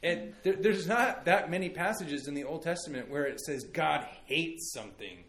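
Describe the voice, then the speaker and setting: A man's voice: on the high side, animated, normal speed, fairly bright tone. A man in his thirties, a pastor giving a conversational sermon and telling stories with many fillers and restarts.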